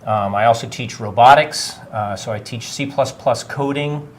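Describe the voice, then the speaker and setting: A middle-aged man from Vermont, a high school technology teacher, answering interview questions casually with many filler sounds. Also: normal speed. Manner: friendly, many filler uhs.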